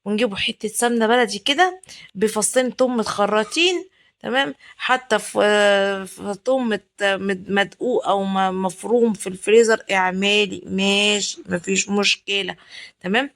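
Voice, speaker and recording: A woman's voice: mid-range voice, moderate pace, creaky. A woman with an Egyptian accent narrating a casual home cooking vlog, chatty and exclamatory, talking straight to her viewers. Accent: Egyptian Arabic. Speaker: cooking vlogger. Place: home kitchen.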